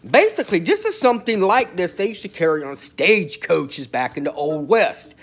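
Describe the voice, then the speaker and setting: Animated husky man, telling funny prison stories in slang, big swings in pitch. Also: moderate pace. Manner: animated, swings loud and soft, slangy with constant "bro". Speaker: storyteller about prison life. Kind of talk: comedic storytelling monologue.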